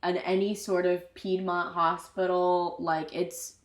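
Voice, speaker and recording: A young adult woman hosting a podcast in casual chat, joking around and chiming in quickly. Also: lowish voice, flat delivery. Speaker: podcast host.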